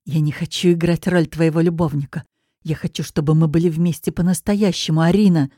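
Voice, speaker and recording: A woman's voice: deep voice, fairly even intonation, brisk, dark tone, no room sound, clean studio sound. A woman voicing a drunk, pushy young male trainer who talks in a slurring, menacing, insistent way. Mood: pleading.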